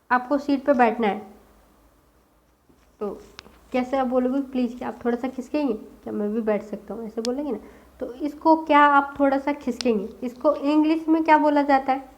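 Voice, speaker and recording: A woman teaching a spoken English lesson. She asks the class questions and repeats each English sentence slowly, word by word. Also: sits high, dull audio.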